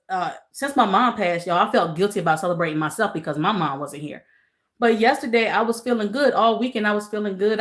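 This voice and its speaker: A woman's voice: medium pitch, fairly bright tone. A middle-aged woman hosting a casual live stream. She greets viewers by name, repeats her phrases and talks earnestly and emotionally about grief. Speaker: livestream host.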